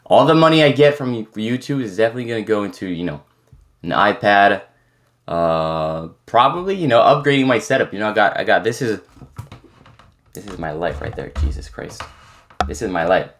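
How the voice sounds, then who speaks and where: A man's voice: on the low side, sing-song, normal speed, fairly bright tone. A young French man in his twenties, a native French speaker with a mostly American-sounding English accent, casually answering viewer questions and rambling with many restarts. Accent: American-leaning English with slight French. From France. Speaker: content creator. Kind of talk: casual Q&A chat.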